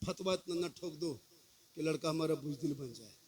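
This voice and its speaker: A man in his fifties with a Jharkhand Hindi accent, preaching to a crowd on a microphone, shifting from quiet reasoning to shouted, sung declamation with humorous rhetorical questions. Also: a little high, normal speed, slight background noise. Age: 50s. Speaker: Islamic preacher. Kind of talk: sermon to a crowd. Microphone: mic through a loudspeaker system.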